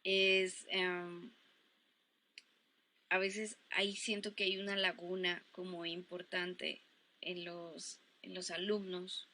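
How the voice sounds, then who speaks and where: A woman's voice: lowish voice, level tone, takes it slowly, bright, forceful tone. A woman with a Mexican accent interviewing a guest, reflecting aloud with some hesitations. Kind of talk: interview, conversational.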